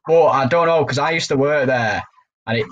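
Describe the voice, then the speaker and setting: A man's voice: medium pitch, brisk, a bit bright, muffled recording. A young man, co-hosting a podcast in casual banter with friends, swearing and laughing as he rambles. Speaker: podcast co-host.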